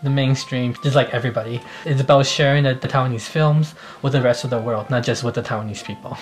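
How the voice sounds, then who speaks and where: A man's voice: medium pitch, steady tone, quick pace, faint music behind. A young man in an interview talking casually and self-deprecatingly.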